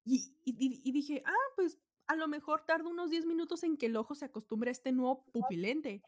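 Young Mexican woman podcast host, high voice, swears a lot, animated storyteller, casual chat. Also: fairly quick.

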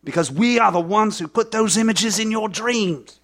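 Man doing a calm mysterious elder, high-ish voice, slow and knowing. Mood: solemn. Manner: measured, solemn, knowing. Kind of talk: live audio drama acting.

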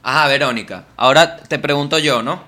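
A man's voice: mid-range voice, fairly quick, sharp tone. A man with a Venezuelan accent, co-hosting a podcast in casual, crude, teasing chat full of slang. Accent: Venezuelan Spanish. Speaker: podcast co-host.

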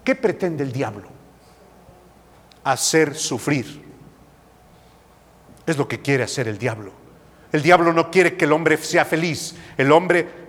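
A man, a priest, preaching a slow, emphatic sermon. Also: fairly high pitch, a bit bright, in a large hall. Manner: slow, emphatic preaching with dramatic acted quotes.

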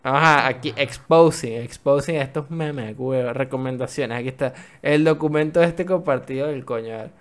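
A man's voice: medium pitch, normal speed, few pauses. A young man with a Venezuelan accent hosting a casual podcast, steering the chat and wrapping up topics. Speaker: podcast host.

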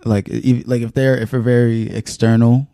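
A man co-hosting a podcast in casual chat, dry and teasing, often pausing and restarting his sentences. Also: medium pitch, level tone, vocal fry, dark tone, dry recording. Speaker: podcast co-host.

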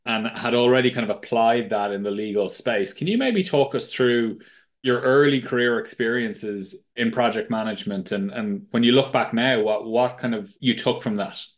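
A man's voice: medium pitch, normal speed. A man hosting a podcast interview, asking conversational questions in a friendly way. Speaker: podcast host.

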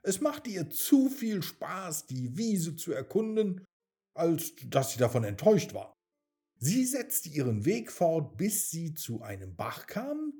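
A man tells a children's story slowly and gently. His pitch swings widely and expressively, with a mellow, warm tone, and soft music plays behind him. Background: soft background music.

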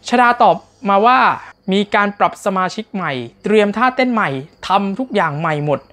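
A man's voice: high voice, expressive, moderate pace, a bit bright. A man narrating a casual recap of a TV competition, speaking straight to his viewers in a chatty, polite way.

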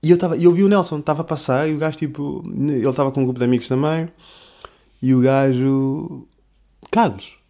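Mellow-voiced rambling man. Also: medium pitch, steady tone, brisk, creaky. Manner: rambling, slangy, self-correcting. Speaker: podcast host. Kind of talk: casual monologue.

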